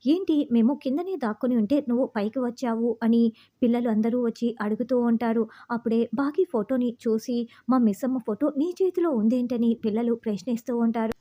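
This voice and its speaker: A woman narrating a recap of a TV serial episode, reading out the characters' lines in a steady storytelling manner. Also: fairly high pitch.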